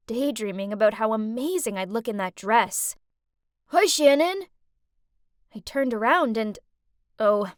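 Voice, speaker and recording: A woman tells an animated story in first person, voicing a scheming teenage schoolgirl. Her high voice swings widely and stays expressive throughout. The recording is dry and close to the mic. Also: dry recording. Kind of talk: scripted first-person narration.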